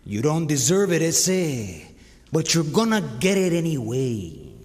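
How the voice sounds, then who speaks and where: An actor playing a mocking, poetic zoot-suited street philosopher with a drawling, theatrical delivery. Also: male voice, on the high side, sing-song, a little slow, a little mellow. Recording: reverberant hall, music behind.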